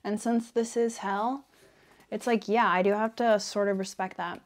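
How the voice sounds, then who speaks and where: A woman playing a quirky female devil in an ASMR role-play, talking in a playful, deadpan ramble with frequent self-interruptions. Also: medium pitch, normal speed, natural voice. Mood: smug, playful. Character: quirky female devil welcoming a newcomer to hell.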